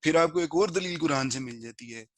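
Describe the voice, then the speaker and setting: Man giving a calm spiritual lesson. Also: fairly high pitch, no echo. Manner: explanatory, conversational, mixing in English words; slow measured recitation of a prayer verse. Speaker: teacher explaining a book of spiritual rules.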